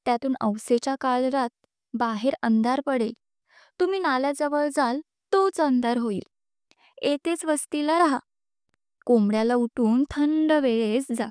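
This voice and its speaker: A woman's voice: sits high, measured pace, darkish tone, clean tone, no room sound, clean studio sound. A woman narrator voicing a worried old village woman who earnestly warns a traveller. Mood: warning. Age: older. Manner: earnest warning.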